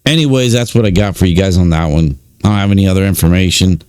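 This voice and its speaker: A man's voice: low voice, fast, a little mellow, smooth, no room sound. A man giving casual commentary, reading out records with many fillers and informal asides. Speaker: YouTube commentator on prison news.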